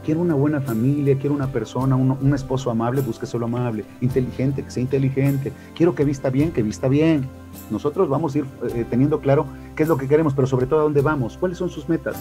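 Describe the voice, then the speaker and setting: A Mexican-accented man leads a church marriage talk at a middle pitch. He speaks with lively emphasis, acting out little quotes and addressing listeners as brothers, with soft music faint behind him. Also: quick pace. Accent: Mexican Spanish. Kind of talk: preaching-style talk to a church audience.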